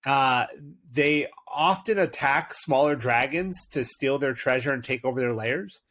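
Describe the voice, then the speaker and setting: An enthusiastic man co-hosts a tabletop game podcast at an ordinary mid pitch. He chats with plenty of fillers and slips into dramatic scene narration. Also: measured pace, a bit bright. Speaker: podcast co-host and game master. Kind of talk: casual chat and dramatic narration.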